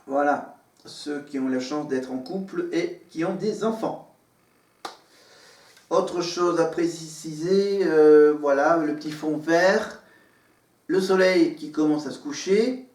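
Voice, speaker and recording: Speaking slowly in a fairly high, slightly mellow voice, this man vlogs from home, meandering through his thoughts with lots of fillers and false starts. He's in his living room before a green screen, and the room echoes because the mic sits at a distance.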